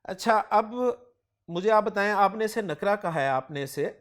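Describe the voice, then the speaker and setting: A man's voice: high-pitched, lively intonation, a bit bright. A man with a Pakistani Urdu accent teaching Quranic grammar, quizzing his student and praising each answer. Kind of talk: question-and-answer grammar lesson.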